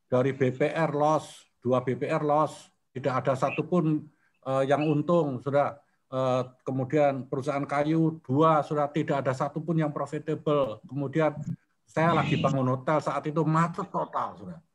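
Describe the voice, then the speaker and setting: A man's voice: a little high, steady tone, moderate pace. A man in his sixties giving a personal faith testimony, telling his story in a conversational way and often addressing his listeners as brothers and sisters.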